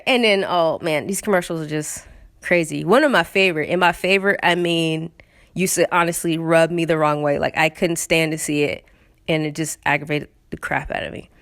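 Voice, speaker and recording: A woman hosting a podcast, riffing in a casual comedic monologue, animated and sarcastic, with lots of fillers and laughter. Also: deep voice, no room sound, clean studio sound. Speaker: podcast host.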